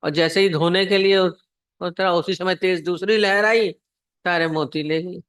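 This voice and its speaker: A woman spiritual teacher delivers a sermon on scripture, telling parables and putting questions to her listeners. Her voice is lowish, clean, and a little slow, with fairly even intonation. The studio sound is clean, with no echo.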